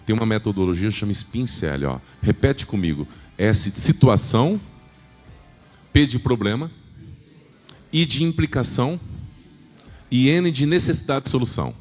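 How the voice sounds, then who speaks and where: A man with a medium-pitched, slightly mellow voice gives an emphatic motivational sales talk at a church event, regularly asking his audience questions. The large church hall adds a long reverb, and faint music plays underneath.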